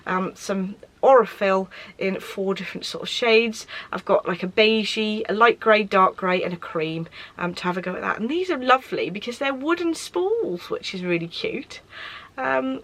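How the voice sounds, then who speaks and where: A woman in her thirties talks easily through a casual craft chat, stopping on little "um"s as she goes. Her voice is bright and clear, at an ordinary middle pitch. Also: poor audio. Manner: chatty, with frequent "um" fillers. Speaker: craft podcast host.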